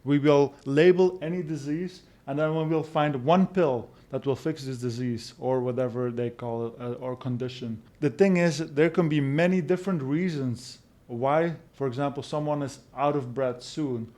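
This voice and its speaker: Man, forties, from belgium, podcast guest, calm measured explainer, mid-pitched voice. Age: 40s. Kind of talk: casual podcast conversation.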